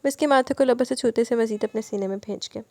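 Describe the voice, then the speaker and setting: A woman reading a romance novel aloud as an audiobook narrator, steady and expressive. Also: a little high, no echo.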